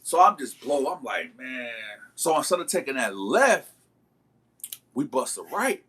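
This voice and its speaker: A man's voice: medium pitch, very animated, a little slow, bright, forceful tone, husky. A man livestreaming, telling a long story in casual slang and calling out to his viewers. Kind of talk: casual storytelling to a live chat.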